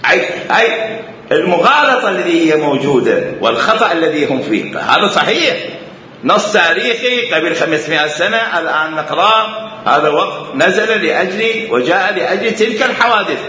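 Speaking with an Iraqi Arabic accent, a man delivers a lecture on Islamic jurisprudence, emphatic and repeating phrases for stress. His voice sits high and sounds animated, fairly quick, bright and forceful. The recording has a little hiss or hum, with an echoey hall and a dull lo-fi quality.

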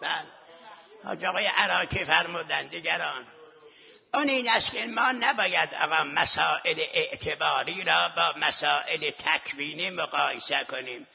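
A man's voice: on the high side, creaky, pushed and bright, husky. A man teaching seminary students in a scholarly lecture, arguing his point and posing rhetorical questions to the class. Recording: lo-fi recording with long hall reverb.

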